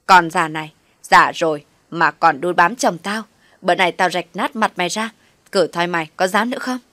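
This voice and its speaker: A woman voicing a jealous wife who shouts threats at her husband's older mistress, in a dry recording. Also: lowish voice, moderate pace, dry recording, close to an everyday voice. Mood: furious.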